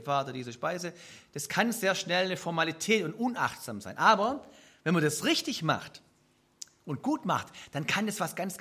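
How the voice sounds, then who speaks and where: A man preaching a sermon to a congregation in an earnest, lively way, softening his voice for quoted prayers. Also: fairly high pitch. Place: church service.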